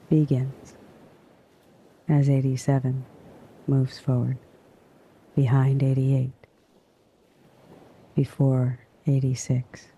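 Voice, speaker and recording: Guy doing sleep hypnosis, super slow and soothing, pretty flat pitch, hushed with big gaps between phrases. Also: lo-fi sound, slight background noise. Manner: hushed, soothing, drawn-out phrases with long pauses. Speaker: hypnosis narrator. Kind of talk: sleep hypnosis, guided bedtime narration.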